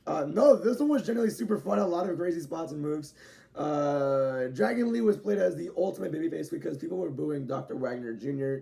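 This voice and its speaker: A young man with a slightly high, creaky, warm voice casually reviews a wrestling show to camera from a room at home, with dogs nearby. He's chatty and rambling, restarting sentences and swearing now and then.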